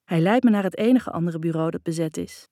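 A woman narrates a first-person novel in a calm, even reading voice. Her voice sits fairly low and the recording is dry and close, with no room sound. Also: quick pace, no echo. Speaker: audiobook narrator.

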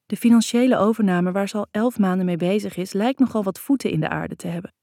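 A woman's voice: mid-range voice, quick pace, vocal fry, warm tone, no echo, clean studio sound. A woman narrating a first-person novel in an intimate, reflective way. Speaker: audiobook narrator.

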